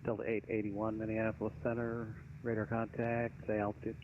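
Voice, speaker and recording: A male air traffic controller gives procedural radio instructions in a lowish, flat voice. The radio channel is dull and clearly noisy. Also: a little fast. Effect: aviation radio.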